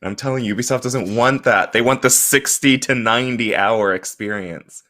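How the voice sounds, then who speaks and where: A man's voice: mid-range voice, moderate pace, pushed and bright. A man in a casual gaming panel chat, skeptical and arguing his point.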